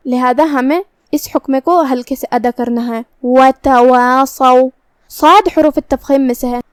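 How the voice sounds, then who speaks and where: A woman teaching Quran recitation rules, calmly and methodically explaining how each letter is sounded. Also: sits high, dry recording. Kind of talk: tajweed lesson.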